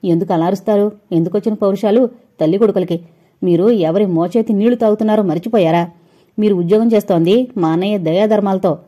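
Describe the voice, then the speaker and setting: Woman narrator voicing a fast, scornful young wife in a furious rant, mellow voice. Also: medium pitch, natural voice. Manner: taunting, shouting fast tirades. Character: angry scornful young wife, sharp-tongued. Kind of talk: audio novel reading.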